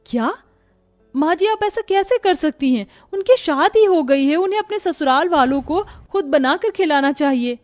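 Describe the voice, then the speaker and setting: A woman's voice: lively intonation, normal speed, darkish tone, soft background music, close to an everyday voice. A woman playing a grumbling, fed-up housewife. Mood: annoyed. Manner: grumbling and exasperated, pitched lower. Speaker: daughter-in-law character. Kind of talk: cartoon voice acting.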